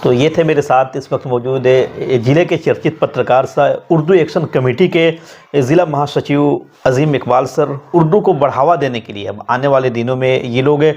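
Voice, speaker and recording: A man's voice: mid-range voice, normal speed, a little mellow. A man hosting a local news interview, asking brief, polite questions.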